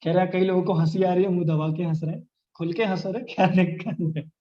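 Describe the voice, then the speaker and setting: Roomy, slightly dull live-stream audio carries a young man's fairly high voice as he leads an online sales training. He coaches with energy and quickly switches into sample chats, performing both roles himself.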